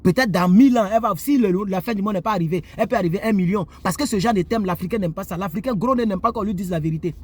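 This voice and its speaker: Fast and with hardly any pauses, a man from Côte d'Ivoire with a high, slightly rough voice sits indoors and delivers an animated, preachy monologue to camera, moralizing straight at his YouTube viewers.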